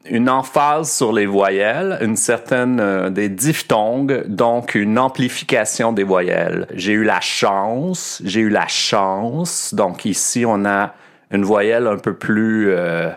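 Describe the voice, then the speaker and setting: A man hosting a French pronunciation lesson podcast, explaining patiently and repeating words to demonstrate their sounds. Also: lowish voice. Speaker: French teacher and podcast host.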